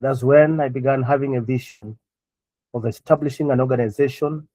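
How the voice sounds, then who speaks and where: A middle-aged man from Kenya, a guest on a remote interview, speaking earnestly and in measured phrases with frequent pauses. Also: mid-range voice, steady tone, dark tone, dry recording, rough recording. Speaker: guest, NGO founder.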